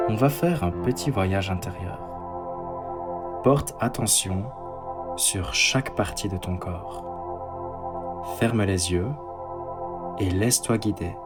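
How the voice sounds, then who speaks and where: A man leading a guided sleep meditation and bedtime story, speaking softly and calmly. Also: on the low side. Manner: slow, soft, calm guiding delivery. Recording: soft ambient synth music underneath.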